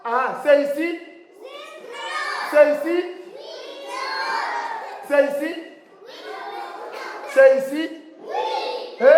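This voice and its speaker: A primary school teacher from Rwanda, leading a French lesson with repetitive drilling and call-and-response, praising pupils. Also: sits high. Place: large indoor classroom. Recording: echoey classroom hall, background noise.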